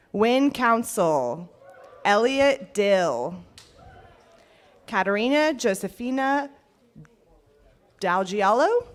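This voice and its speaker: A woman announcing at a closing ceremony, reading a list of names and checking pronunciations aloud. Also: mid-range voice.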